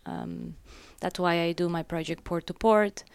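A woman in her thirties with a slightly low, gravelly voice. She answers interview questions as a curator, thinking things through in a conversational way. The recording is close and dry. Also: wildly swooping pitch, measured pace, dry recording. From Ecuador. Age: 30s. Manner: reflective, conversational. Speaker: curator and gallery director.

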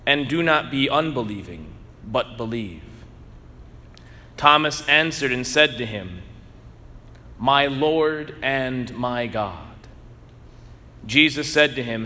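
A man preaching as a priest, reading the gospel slowly and then preaching earnestly, his voice ringing with cathedral echo in a large church. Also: medium pitch, lively intonation, bright, forceful tone. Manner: slow, measured reading that turns earnest and emphatic in preaching. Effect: cathedral echo, long church reverb. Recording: echoey church with long reverb.

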